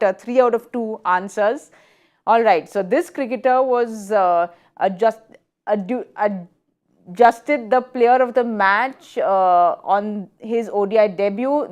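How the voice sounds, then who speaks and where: A woman hosting a live cricket show, chatty and brisk as she steers the panel between segments. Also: mid-range voice. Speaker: show host.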